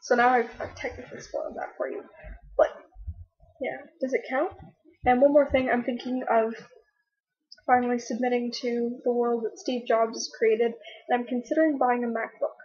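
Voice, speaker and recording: A woman's voice: on the high side, little pitch movement, normal speed, a little mellow, husky. A young woman vlogging casually from home, rambling chattily with lots of fillers and restarts, recorded on a laptop webcam. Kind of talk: casual chat to camera. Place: at home, laptop on her knees. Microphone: laptop webcam mic. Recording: dull lo-fi webcam audio.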